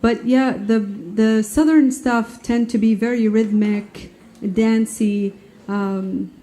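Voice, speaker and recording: A woman's voice: a little high, fairly even intonation, takes it slowly, mellow. A woman born in Iraq, a singer talking on stage at a live show, hesitant and full of fillers. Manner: hesitant, many fillers, laughs often. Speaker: singer and guest. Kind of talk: live onstage conversation. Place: stage at a live music venue.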